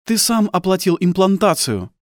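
A man's voice: high-pitched, big pitch swings, normal speed, no echo, clean studio sound, pitched above the performer's own voice. A man voicing a cold, bitter wife and grieving mother who hurls accusations at her husband in an audiobook. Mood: accusing. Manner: icy and accusing.

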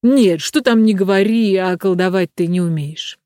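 An audiobook reader voicing a young man who answers quietly and steadily. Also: mid-range voice, moderate pace, dry recording, studio quality, lightly acted. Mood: scoffing. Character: young man, calm and defiant. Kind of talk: audiobook character reading.

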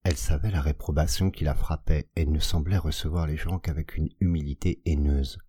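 Very deep, husky male audiobook narrator. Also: fairly even intonation, fairly quick, dark tone, dry recording, clean studio sound. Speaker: audiobook reader. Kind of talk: scripted narration of a classic tale.

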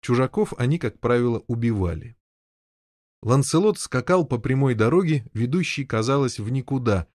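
A man reading a novel aloud as an audiobook narrator, with an even storytelling delivery. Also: mid-range voice, no room sound, clean studio sound. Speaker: audiobook reader. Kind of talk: scripted narration.

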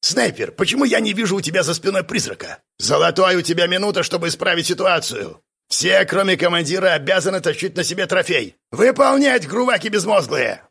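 A man voicing a harsh male military drill instructor who shouts curt orders and insults in an audiobook. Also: high-pitched, big pitch swings, fairly quick, gravelly, breathy edge, voice pushed up, heavily acted. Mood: barking. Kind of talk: audiobook character voice.

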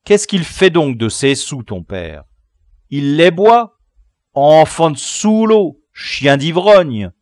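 A man doing a loud bossy village boy, the gang leader, yelling orders in a high pushed-up voice and mocking his prisoner, his tone swinging all over the place. It's a storybook reading recorded close and dry. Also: big pitch swings, unhurried, no room sound. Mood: jeering. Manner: loud, jeering, commanding.

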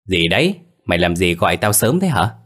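A greedy, cowardly village boy whines and yelps, as a deep-voiced male narrator puts him on. The voice squeezes upward from a low base. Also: sing-song, brisk, fairly bright tone, exaggerated voice. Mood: grumpy. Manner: whiny, yelping when scared.

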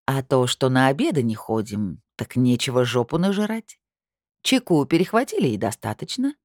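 A woman's voice: rumbling low, very animated, moderate pace, darkish tone, dry recording, clean studio sound, exaggerated voice. A woman reading as a sly, gloating older woman. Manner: mocking, sly. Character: scheming older woman, gloating, sharp-tongued.

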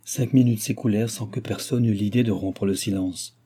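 A man narrating a classic novel as an audiobook in even, measured storytelling. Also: on the low side, slightly rough.

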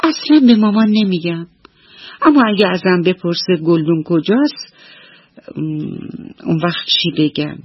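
A woman voicing a scared, worried little boy mouse in a high, childlike voice, from a slightly dull radio recording. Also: pauses often, breathy edge, no echo.

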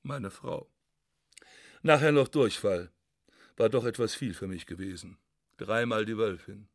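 A man narrating a literary radio reading in a measured, ironic first-person manner. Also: on the low side, no echo. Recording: dry studio.

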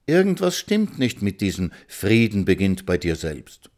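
A man's voice: lowish voice, huge pitch swings, unhurried, darkish tone. A man voicing a whiny, despairing middle-aged woman in a read-aloud story, lamenting. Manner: whining, lamenting.

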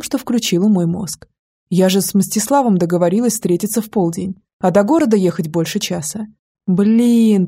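Brief: female audiobook narrator, warm and breathy, lively first-person storytelling. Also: mid-range voice. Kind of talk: scripted narration.

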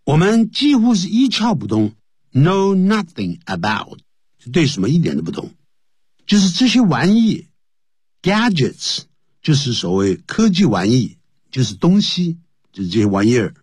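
A man's voice: fairly high pitch, huge pitch swings, measured pace, a little mellow, breathy edge, no room sound, clean studio sound. A man teaching English on the radio, explaining phrases in Chinese and spelling words out letter by letter.

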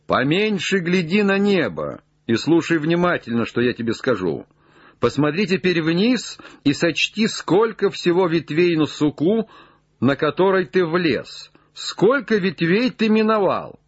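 A man voicing an excitable, obsessed gentleman giving urgent orders in a raised, breaking voice. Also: medium pitch, measured pace, husky, no room sound, lo-fi sound.

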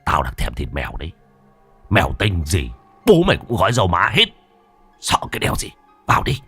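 A man voicing a coarse, swaggering male gang boss who curses and talks fast. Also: low voice, huge pitch swings, fairly bright tone, soft background music, voice pushed down, full character voice. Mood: boastful. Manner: gruff, cursing, fast.

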